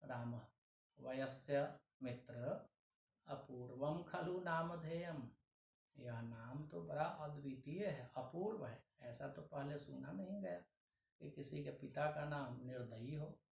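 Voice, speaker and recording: A man's voice: mid-range voice, slow pace, gravelly, darkish tone, a little hiss or hum. A male teacher with a Hindi accent reads a Sanskrit text one line at a time and explains each line in plain Hindi. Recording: echoey room.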